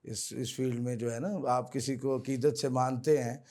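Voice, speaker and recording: A man's voice: medium pitch, fairly even intonation, moderate pace, darkish tone. A male singer from Pakistan, answering interview questions earnestly and respectfully, often calling the host sir. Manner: earnest, repeats honorifics, addresses host as sir. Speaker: singer, guest.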